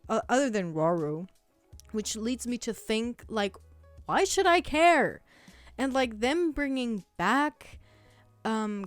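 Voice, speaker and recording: A woman's voice: a little high, no room sound. A woman ranting in casual chat, heated and sweary, with lots of fillers and restarts. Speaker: streamer.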